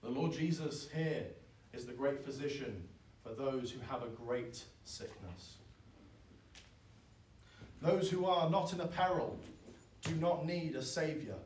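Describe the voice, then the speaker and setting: A man, preaching a sermon in an earnest, pleading way that swells loud and then drops soft. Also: medium pitch, lively intonation, measured pace, a little hiss or hum. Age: 20s. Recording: echoey, from far off.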